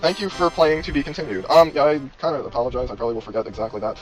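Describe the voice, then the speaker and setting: Fast-talking man commenting on a game. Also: mid-range voice, animated, faint music behind. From United States. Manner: rambling, self-deprecating, talks straight to viewers. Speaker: let's play host. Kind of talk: casual gameplay commentary.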